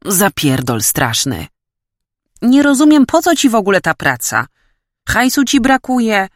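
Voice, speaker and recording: A woman's voice: medium pitch, big pitch swings, a little slow, dry recording, studio quality, pitched above the performer's own voice. A woman reading an audiobook and voicing a crude, teasing young male student who talks in slang. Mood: mocking. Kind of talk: audiobook character voice.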